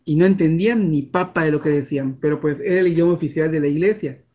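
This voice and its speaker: A man's voice: fairly high pitch, quick pace, mellow. A Mexican man teaching a class over a video call, chatty and full of fillers and restarts. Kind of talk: online class lecture.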